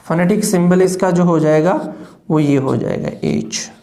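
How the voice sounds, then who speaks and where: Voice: mid-range voice, measured pace, warm tone, roomy sound. An English teacher giving a phonetics lesson, saying each word again and again and setting the right pronunciation against the wrong one.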